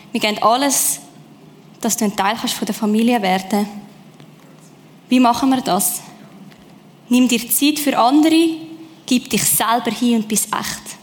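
A woman's voice: on the high side, a little hiss or hum. Woman preaching in echoey hall. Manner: lively, personal, addresses listeners directly. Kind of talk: sermon.

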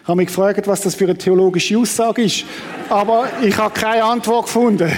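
A man delivers a sermon from the pulpit. His voice sits high, and he preaches with animated energy, jumping into quoted voices and restarting his sentences as he goes. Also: brisk, a little hiss or hum. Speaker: pastor.

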